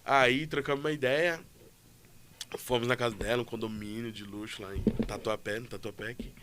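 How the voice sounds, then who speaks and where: A man's voice: medium pitch, steady tone, brisk, a bit bright, slight background noise. A man telling a story in casual chat, playful and joking, acting out both sides of the dialogue. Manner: playful, jokey, acts out dialogue.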